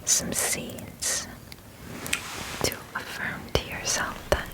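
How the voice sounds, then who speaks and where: A woman playing a gentle, nurturing garden fairy in a soothing, affirming ASMR whispered role-play. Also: lightly acted, poor audio. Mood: soothing, tender. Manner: soothing, affirming, slow and deliberate. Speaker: ASMR performer.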